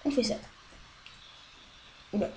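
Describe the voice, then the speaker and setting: Chatty woman rambling through a let's play. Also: slow pace. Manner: chatty and rambling, swears often, apologizes a lot. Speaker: gaming video host. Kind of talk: casual let's-play commentary. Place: at home. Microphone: headset microphone.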